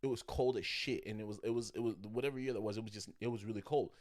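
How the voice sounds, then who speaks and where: A man co-hosting a podcast in casual chat, telling stories with lots of swearing and growing loud and excited as he goes. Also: on the low side, racing. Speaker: podcast co-host.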